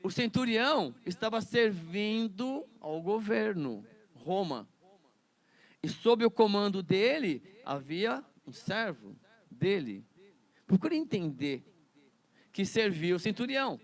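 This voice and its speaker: A man's voice: high-pitched, sing-song, takes it slowly. A man teaching a Bible study lesson in a chatty way, laughing often and repeating words.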